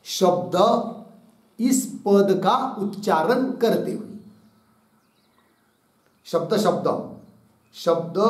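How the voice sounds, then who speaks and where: A male teacher explaining a Sanskrit text, putting questions to the class, answering them himself, and dictating notes phrase by phrase. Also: sits high. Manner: dictates slowly, repeating each phrase. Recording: echoey room.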